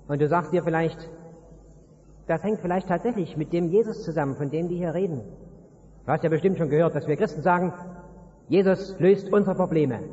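A man's voice: high-pitched, a little mellow. A man preaching an evangelistic sermon, speaking directly to the listener with emphatic storytelling, heard in a dull recording from a large hall.

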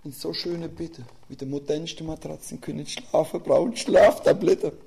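A middle-aged man preaching a sermon, telling personal stories and swinging between quiet asides and loud, emphatic outbursts. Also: on the high side, moderate pace, creaky, background noise.

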